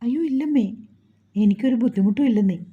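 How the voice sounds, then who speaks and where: A woman voicing a young grieving new mother, talking softly with tearful reassurance. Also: on the high side, fast, slightly rough, phone-quality sound, pitched above the performer's own voice. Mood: reassuring.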